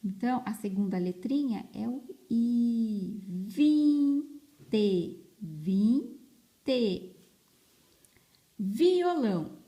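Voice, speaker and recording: A woman, a teacher giving an early literacy lesson to children, stretching words slowly and repeating each syllable with emphasis, recorded on a phone. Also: on the high side, animated, mellow.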